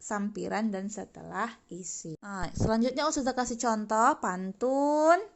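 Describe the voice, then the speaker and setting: A woman's voice: on the high side, a little slow, vocal fry. A young woman teaching an online lesson to children, cheerfully asking questions and answering them herself. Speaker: religious school teacher.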